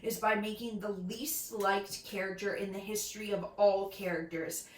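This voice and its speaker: A woman's voice: medium pitch, fairly even intonation, normal speed. A woman ranting casually and without a filter, exasperated and given to emphatic exaggeration. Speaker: guest giving opinions on a TV series. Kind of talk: casual rant. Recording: echoey, roomy home recording.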